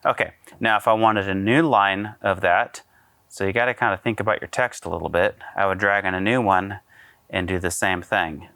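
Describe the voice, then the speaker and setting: A man explains software one step at a time in an easygoing, filler-laden way. His voice sits a bit low but sounds bright and forward. The recording is close and dry, with no room sound. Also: steady tone, moderate pace, no echo. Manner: casual, step-by-step, frequent fillers. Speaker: AV integrator demonstrating software. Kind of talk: screen-recorded software tutorial.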